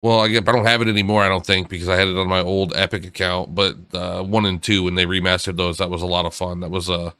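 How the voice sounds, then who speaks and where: A man's voice: deep voice, flat delivery, quick pace, few pauses, bright, forceful tone, clear, resonant tone, no room sound, studio quality. A man co-hosting a gaming podcast in casual chat, rambling eagerly with restarts. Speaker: podcast co-host.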